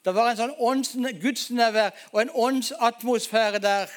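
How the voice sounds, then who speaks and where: A man's voice: very high voice, fairly even intonation, clean tone. A man, a pastor, preaching a sermon and telling his testimony in an emphatic storytelling way, addressing the congregation directly.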